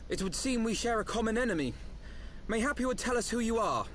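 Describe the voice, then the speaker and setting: A man's voice: very high-pitched, animated, quick pace, a little hiss or hum, voice pushed up. A man voicing an earnest, refined young male companion in a video game, with formal, urgent manners. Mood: wary. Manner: formal, archaic phrasing.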